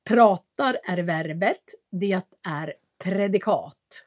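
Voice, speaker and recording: Clearly articulating Swedish teacher, woman. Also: fairly low pitch, darkish tone, muffled recording. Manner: clear, carefully articulated speech; patient, explanatory. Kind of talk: live language lesson answering chat.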